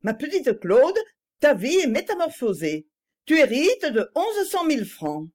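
A woman reading the part of an excitable, tender aristocratic lady in a storybook, in an emotional, pleading manner. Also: a little high, unhurried.

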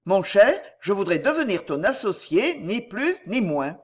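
A reader voicing a calm, teasing wealthy gentleman. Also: mid-range voice, a little slow. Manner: calm, easygoing. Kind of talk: audiobook reading.

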